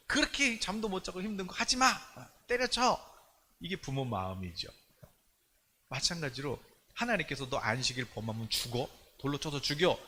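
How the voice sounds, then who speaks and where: A man preaching a sermon as pastor at a prayer meeting in a church. He talks animatedly, asks many rhetorical questions, and swings from loud to hushed. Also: mid-range voice, slight background noise. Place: church, streamed online service.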